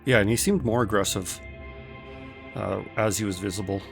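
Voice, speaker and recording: A man's voice: fairly low pitch, normal speed, gravelly, soft background music. A man streaming a game, chatting casually with viewers and thinking aloud with lots of fillers.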